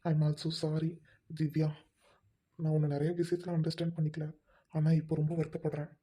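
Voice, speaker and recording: A woman's voice: sits low, level tone, moderate pace, mellow, slightly rough. A woman voicing a troubled young doctor husband. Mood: apologetic. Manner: apologetic, then snapping in anger.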